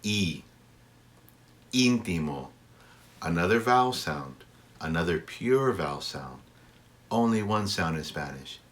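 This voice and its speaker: Deep-voiced man teaching pronunciation, slow and deliberate. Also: lively intonation, a bit bright. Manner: slow, deliberate enunciation of example words; measured, instructive delivery. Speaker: language teacher. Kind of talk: pronunciation lesson, explaining and modelling words.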